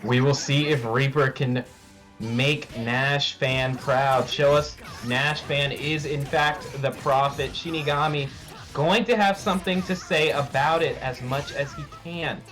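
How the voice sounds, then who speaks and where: A man's voice: medium pitch, fairly even intonation, unhurried, a bit bright, soft background music. Man doing hype fighting-game play-by-play. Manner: dramatic, hyping the players. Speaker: esports commentator.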